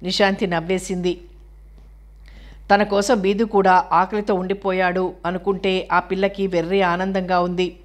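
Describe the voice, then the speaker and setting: A woman narrating a novel aloud in a steady, even storytelling manner. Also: on the low side, normal speed. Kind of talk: audiobook novel reading.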